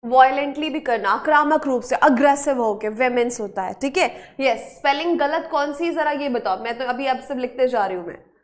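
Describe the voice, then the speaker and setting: High-voiced woman teaching spelling. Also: moderate pace. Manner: coaxing, repeats questions and answers to students; mixes Hindi with English words. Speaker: English teacher. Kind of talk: online vocabulary and spelling class.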